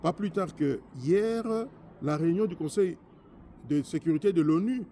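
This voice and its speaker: A politician from DR Congo, formerly a member of parliament, speaks at normal speed in a dark-toned voice on the high side, with a bit of background noise. His Congolese-accented speech is impassioned, emphatic and repetitive, shifting between French and Lingala.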